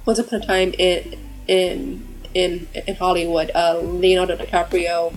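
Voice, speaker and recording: A woman's voice: lowish voice, flat delivery, a little slow, soft background music, poor audio. A woman author who stutters heavily, with repeated sounds and blocks, talking casually in an interview.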